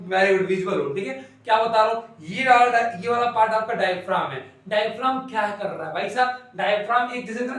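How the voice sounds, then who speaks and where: A man teaching an online class, playful and rapid, repeating questions and teasing his students. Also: high-pitched. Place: classroom with whiteboard. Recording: loud echo, voice from a distance.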